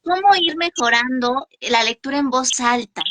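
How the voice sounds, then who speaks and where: A woman's voice: high voice, normal speed, background noise. A woman hosting an online literary gathering, asking questions hesitantly with some fillers. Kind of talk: interview questions.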